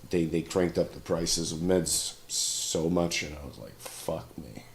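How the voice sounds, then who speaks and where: Male game streamer, extremely low voice, congested and sore-throated, casual commentary, faint noise behind. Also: fairly even intonation, unhurried. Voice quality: congested, very deep sick voice. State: sick with a sore throat and stuffed nose. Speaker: game streamer, show host. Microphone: streaming microphone.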